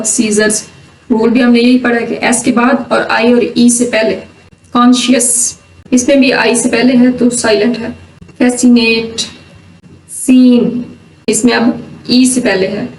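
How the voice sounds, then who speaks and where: A woman teaching English pronunciation, reading rule sentences slowly and then explaining them. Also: on the high side. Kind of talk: explaining lesson. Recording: roomy echo, mic at a distance.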